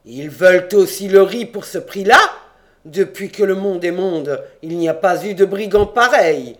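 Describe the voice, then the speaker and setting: A man's voice: on the high side, animated, slow, darkish tone. Guy doing a roaring angry smuggler in a storybook, growly. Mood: outraged. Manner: growling and indignant.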